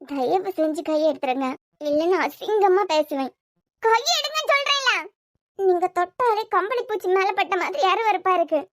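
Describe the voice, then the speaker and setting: A woman's voice: extremely high pitch, lively intonation, moderate pace, fairly bright tone, no room sound, clean studio sound. A woman voicing a young wife in a cartoon series, crying and accusing her husband. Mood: distraught. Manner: crying, pleading, reproachful. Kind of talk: cartoon web series voice acting.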